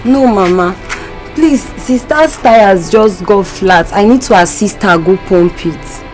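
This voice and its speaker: A woman's voice: mid-range voice, slow, soft background music, close to an everyday voice. A woman with a Nigerian accent acting an obliging young household helper in a film drama. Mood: concerned.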